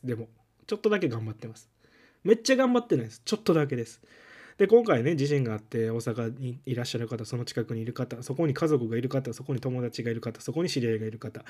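A man with a Kansai accent hosting a podcast in a casual solo talk, his voice held low and strained from a lingering cough, speaking gently with many soft fillers in a makeshift room instead of his usual studio. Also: breathy edge. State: strained, lowered voice from a cough illness. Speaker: podcast host.

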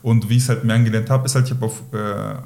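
Guy weight loss coach on a podcast, direct and instructive, warm low voice. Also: fairly even intonation, fast, gravelly. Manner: direct, instructive, repeats "so" to close points. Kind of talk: casual podcast conversation. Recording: roomy echo.

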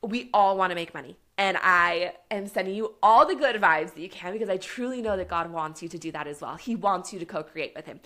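A woman's voice: fairly low pitch, brisk, hardly any pauses, pushed and bright. A woman coaching people on business and faith in an earnest, encouraging talk, peppered with "like" and little acted-out quotes. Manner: earnest, encouraging, filler-heavy with frequent "like"; acts out little quoted voices for herself and God. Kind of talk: faith-based motivational talk.

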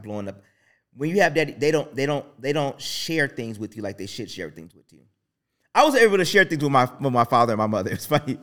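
Man, podcast host, storytelling, a bit high-pitched, lots of restarts. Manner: animated storytelling with many restarts. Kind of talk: casual talk with faith message.

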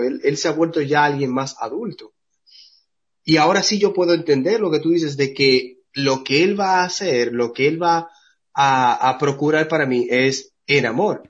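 Earnest husky Dominican man. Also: on the high side, moderate pace, dull audio. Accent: Dominican Spanish. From Dominican Republic. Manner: earnest, explains at length with restarts. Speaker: podcast co-host. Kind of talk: casual discussion.

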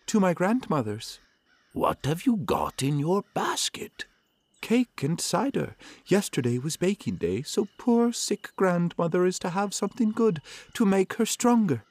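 A man doing a high, trusting little girl. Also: sing-song, a little slow, no echo, exaggerated voice. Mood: cheerful. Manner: high, bright and eager. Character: innocent young girl, trusting and cheerful.

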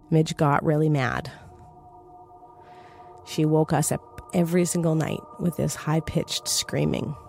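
A woman's voice: deep voice, vocal fry, mellow. Earnest woman telling a personal story. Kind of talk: personal story told to an audience.

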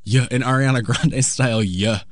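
Young man, medium pitch, very dry sound, casual banter, dramatic storyteller. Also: lively intonation, moderate pace, dry recording. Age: young adult.

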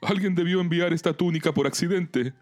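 A man's voice: high voice, a little fast, darkish tone, close to an everyday voice. A man voicing an older man who ruefully admits he is not magical. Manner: mournful, rueful.

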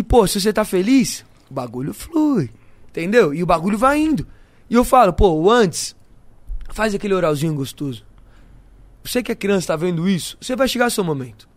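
A man's voice: sits high, no echo. A young Brazilian man telling candid stories as a guest in a casual podcast chat, full of slang and laughter. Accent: Brazilian Portuguese. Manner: candid, laughing storyteller who fills his talk with slang.

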